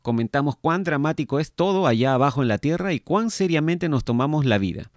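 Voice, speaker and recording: A man's voice: fairly high pitch, lively intonation, brisk, no echo, studio quality, voice pushed up, natural voice. A man reading aloud and voicing a vain, jovial male spirit who was once a painter, with a teasing, playful lift in his speech. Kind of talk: read-aloud book dialogue.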